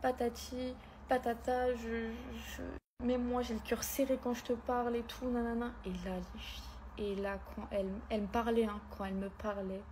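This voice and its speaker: A woman's voice: a little high, flat delivery, moderate pace, darkish tone, a little hiss or hum. Upset young woman telling her story. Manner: emotional, hurt and angry, addressing viewers as girls. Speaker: content creator. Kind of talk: storytime vlog to her viewers.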